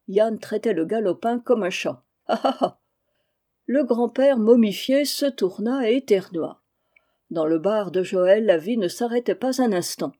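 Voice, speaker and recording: Mellow-voiced woman reading a novel aloud. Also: medium pitch, unhurried. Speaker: audiobook reader.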